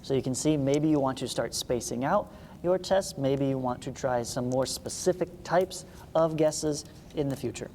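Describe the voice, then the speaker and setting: A male math teacher with a mellow, mid-range voice speaks at normal speed as he reads a textbook aloud. He interrupts the reading with informal asides to explain things, recorded in a reverberant room with background hiss.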